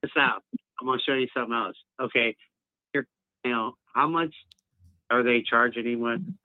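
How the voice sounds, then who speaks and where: A man's voice: mid-range voice, normal speed, no echo. Rambling male caller on a phone line. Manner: rambling, conspiracy theories. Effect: heard over a phone line. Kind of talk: casual call-in chat.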